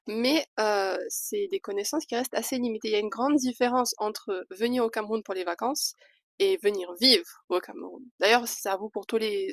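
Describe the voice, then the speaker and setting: A young Swiss woman vlogs casually, talking candidly to the camera and filling gaps between thoughts with hesitant fillers. Her voice has a medium pitch, and there is no echo.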